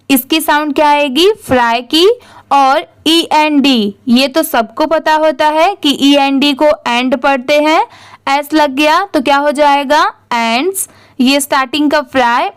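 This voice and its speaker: A woman teaching English reading, spelling words letter by letter and answering her own questions. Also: sits high. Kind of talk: slow spelling-out lesson.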